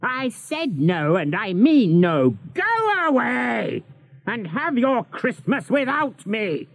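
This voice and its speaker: A man voicing a miserly, bitter old man who snaps with cold scorn in a breathy, quavering voice. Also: extremely high pitch, very animated, slow, a bit bright, pitched above the performer's own voice, heavily acted. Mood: scornful.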